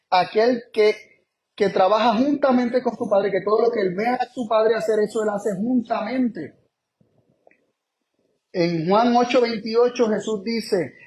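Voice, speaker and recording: A man preaching a Bible study sermon in an emphatic way, repeating key phrases and moving between slow, stressed words and quick asides. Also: sits high, darkish tone.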